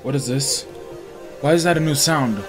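A man giving casual gameplay commentary as a gaming YouTuber, melodramatic and self-pitying with loud outbursts. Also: medium pitch, normal speed. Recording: loud background music under voice. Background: game music.

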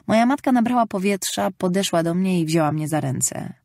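A woman narrating a novel in the first person, calm and measured, in a studio. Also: fairly low pitch, dry recording. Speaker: audiobook narrator.

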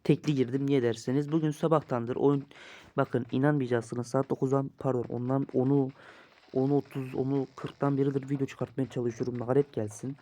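A man's voice: mid-range voice, level tone, brisk, mellow. Young man ranting over a mobile game. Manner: exasperated, ranting about dying. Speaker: gaming YouTuber. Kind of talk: casual gameplay commentary.

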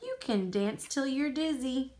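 A high-pitched woman with an American accent reads a picture book aloud to a young child, her phrasing unhurried and expressive.

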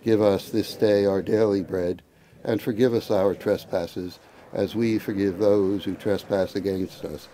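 Low, dark-voiced man leading graveside prayers. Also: steady tone, a little hiss or hum. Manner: measured liturgical recitation. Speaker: priest.

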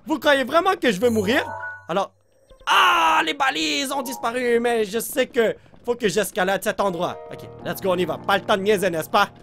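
A man with a Québécois French accent giving excitable gameplay commentary, reacting loudly and talking straight to his viewers with English exclamations mixed in. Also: very high voice, moderate pace, vocal fry, soft background music. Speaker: let's play host.

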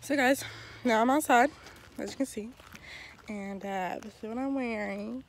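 A woman's voice: a little high, moderate pace, creaky, a little hiss or hum. Breathless young woman vlogging outdoors. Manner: chatty, self-mocking, breathless while walking. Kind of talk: casual walking vlog. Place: outdoors on a foggy neighborhood street. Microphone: handheld phone camera.

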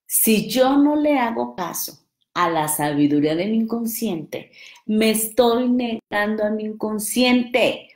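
A woman's voice: mid-range voice, darkish tone, roomy sound. A woman coach giving a motivational talk to an audience, playful and fond of acting out the people she quotes. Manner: playful, acts out quoted friends. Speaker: NLP coach.

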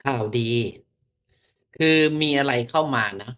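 A man's voice: mid-range voice, takes it slowly, fairly bright tone, muffled recording. A man telling fortunes on a live stream, chatty and teasing in a mock-mystical way. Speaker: fortune teller.

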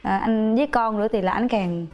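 A young woman guest telling a lively birthing story in casual chat, laughing often and acting out quotes. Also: on the high side, fairly quick.

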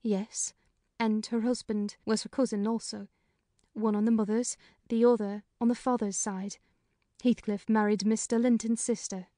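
For this audiobook character, a man raises his pitch above his own natural register to play a talkative, plain-spoken middle-aged female housekeeper. His tone is warm and level but still sounds natural. The sound is clean studio audio with no room ambience, and the delivery is brisk and chatty.

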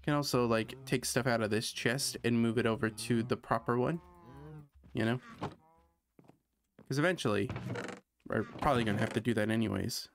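Background noise runs under this gravelly, mid-range voice as a Canadian man comments casually on a building game he's streaming. He keeps a moderate pace, pauses often, thinks aloud and makes fun of himself.

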